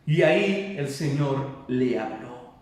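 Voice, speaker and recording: A man's voice: mid-range voice, expressive, slow. A male pastor preaching a Bible-study sermon, emphatic and often addressing his listeners directly. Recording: very echoey room, mic far off.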